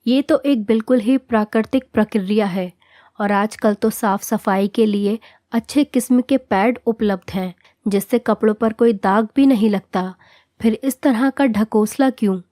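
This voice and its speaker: A modern young wife talks her point through in a calm, reasoning way, voiced by a woman narrator. Her tone is soft and mellow, recorded dry and close. It is a storybook reading. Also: mid-range voice, a little slow, no room sound, close to an everyday voice.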